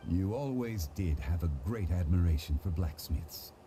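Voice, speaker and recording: An actor playing a calm, dignified ancient male god in a game cutscene, speaking in a formal, measured way over music. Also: low-pitched, slight background noise. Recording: game audio with clear music.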